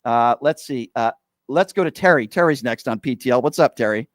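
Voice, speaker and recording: A man hosting a call-in radio show, relaxed and chatty, quick to laugh at himself. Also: mid-range voice, no echo.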